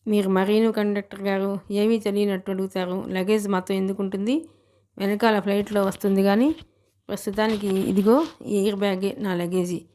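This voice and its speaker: A woman voicing a proud, quick-witted young groom in an audiobook, bluffing with a straight face. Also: mid-range voice, level tone, mellow, close to an everyday voice.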